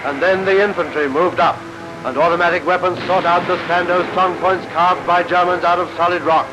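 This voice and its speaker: A man narrating a 1940s newsreel in a brisk, declamatory announcing manner, with the sound of an old newsreel. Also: high-pitched, fairly even intonation. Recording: dull lo-fi 1940s newsreel soundtrack under loud music.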